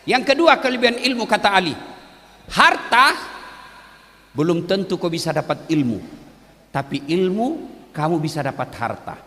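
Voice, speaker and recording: A man's voice: a little fast, big-room sound. A man preaching a humorous sermon to students, telling stories animatedly and acting out the characters. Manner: animated storytelling, acting out characters with big pitch swings.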